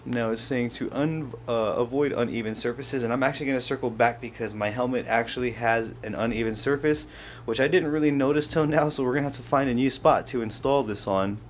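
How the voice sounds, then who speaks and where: In a relaxed product tutorial, the host explains things step by step while handling them, speaking briskly with few pauses. His pitch is medium, and faint hiss or hum sits under the recording.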